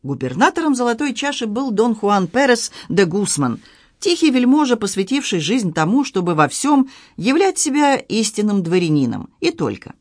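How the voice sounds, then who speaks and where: An audiobook narrator reads literary prose in a measured, expressive voice. The pitch sits in the middle range. The sound is dry and close, with no room around it. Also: no echo.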